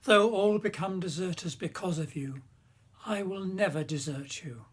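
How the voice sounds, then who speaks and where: Man reading as husky, loyal disciple Peter. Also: high voice, moderate pace. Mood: insistent, devoted. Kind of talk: dramatised scripture reading.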